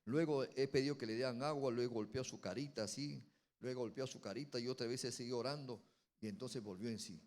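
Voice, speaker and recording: A man, a pastor telling a story in a sermon and building to loud, emphatic preaching. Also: medium pitch, fairly quick. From Peru.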